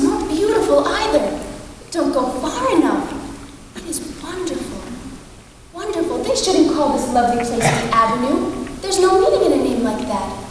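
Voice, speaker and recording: A woman's voice: sits high, noisy background. A woman performing a stage monologue as a chatty, imaginative orphan girl, gushing and breathless in a theatrical way. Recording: echoey hall recorded from far off.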